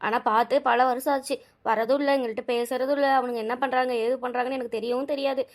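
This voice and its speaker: A woman's voice: sits high, steady tone, quick pace, natural voice. Woman playing a sorrowful old village grandmother. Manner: plaintive, complaining.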